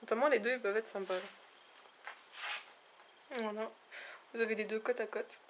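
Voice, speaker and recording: A woman's voice: on the high side, fairly even intonation, moderate pace, noisy background. Chatty woman swatching makeup. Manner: chatty, hesitant, many fillers. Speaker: beauty vlogger. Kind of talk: casual makeup swatch review. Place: at home, near a window with backlight.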